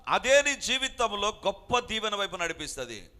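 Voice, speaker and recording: A man's voice: high voice, very animated, moderate pace, pushed and bright. A man preaching a sermon, emphatic and repeating his phrases, dropping into English lines now and then. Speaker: pastor.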